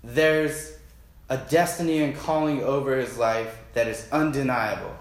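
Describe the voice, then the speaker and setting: A man's voice: medium pitch, unhurried, echoey room. A man preaching in a casual, joking way, acting out the Bible characters as he tells a story to his listeners. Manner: animated, jokey, acts out Bible characters.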